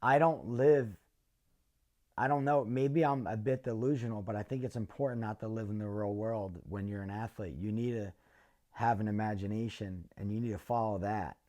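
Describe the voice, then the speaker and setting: A middle-aged man speaks in a lowish, mellow voice. He answers reflectively and earnestly, with frequent pauses and filler words between his thoughts. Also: fairly even intonation. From North Philadelphia. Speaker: interviewee, former fighter.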